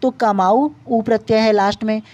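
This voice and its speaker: A woman's voice: a little high, steady tone, normal speed, warm tone, dry recording, lo-fi sound. A woman with a Chhattisgarh accent, teaching an exam-prep grammar lesson, patiently explaining and checking in with the class again and again. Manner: patient, repetitive explaining with tag questions. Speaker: Hindi language teacher.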